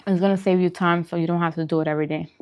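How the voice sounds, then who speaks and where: Her lowish voice is clear, resonant, and a little mellow, and she talks rapid-fire in a steady tone. The woman is a vegan food vlogger hosting a mukbang, answering viewers in a relaxed livestream chat. She gives emphatic, opinionated food advice and repeats phrases for emphasis.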